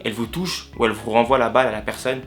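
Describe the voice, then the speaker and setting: A man's voice: mid-range voice, fairly even intonation, racing. A man from France telling stories in a casual vlog, slangy and prone to repeating and rephrasing himself. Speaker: vlogger. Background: faint guitar music.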